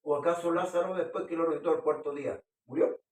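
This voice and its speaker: A man's voice: on the high side, steady tone, fast talker, a little mellow. Male pastor giving an earnest sermon with questions, recorded far off in an echoey hall. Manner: earnest preaching, questions to the congregation. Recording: echoey room, far from the mic.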